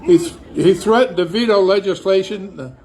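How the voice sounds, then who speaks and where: A man's voice: sits high, normal speed, darkish tone, a faint crowd, rough recording. Man giving an earnest rally speech. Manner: earnest, with some hesitations. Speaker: rally speaker. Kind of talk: political speech. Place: outdoor protest rally.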